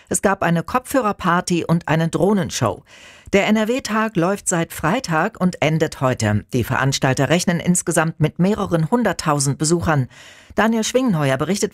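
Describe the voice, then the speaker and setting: A woman reading a radio news bulletin in a calm, measured, formal way from a studio. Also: sits low, dry recording. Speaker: newsreader. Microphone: studio microphone.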